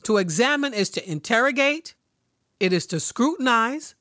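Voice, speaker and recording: A woman teaching a devotional podcast lesson, speaking deliberately and repeating key words for emphasis. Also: fairly high pitch, lively intonation, fairly bright tone, no echo, studio quality.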